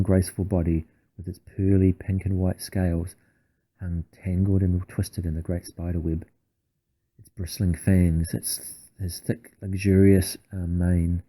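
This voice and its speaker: A man reading a bedtime story aloud in an unhurried, hushed storytelling manner. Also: deep voice, rough recording. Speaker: reader.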